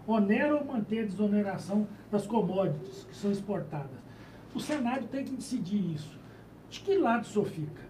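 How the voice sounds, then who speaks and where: Quick, mellow-voiced male interviewer. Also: high-pitched. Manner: direct, briskly framed questions. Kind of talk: political interview questions. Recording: distant mic with faint ambient noise.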